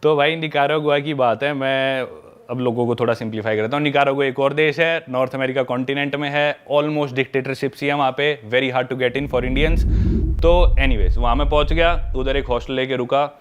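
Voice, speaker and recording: A man's voice: medium pitch, steady tone, moderate pace, a little hiss or hum. Chatty man telling a travel story. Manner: chatty, mixes English words into Hindi. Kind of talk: casual storytelling chat.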